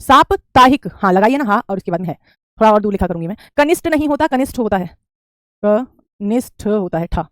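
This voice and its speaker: A woman's voice: mid-range voice, animated, fast, fairly bright tone, no room sound, studio quality. A woman, teaching Hindi spelling in an online class, repeating each word and calling students beta. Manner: repetitive drilling, calls students beta.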